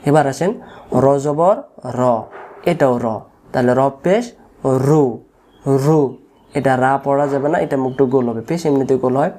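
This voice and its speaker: A man with a Bangladeshi Bengali accent teaching Quran recitation, slowly repeating each letter sound for learners to copy. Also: medium pitch, dark tone. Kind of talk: tajweed lesson.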